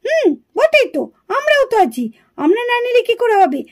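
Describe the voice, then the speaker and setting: A woman's voice: very high voice, big pitch swings, fairly quick. A woman voicing curious, scheming village girls in a puppet cartoon, chattering and gossipy.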